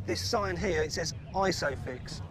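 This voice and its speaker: A man's voice: sits high, measured pace, slight background noise. A man with a Birmingham accent presenting and explaining things as host of a car show.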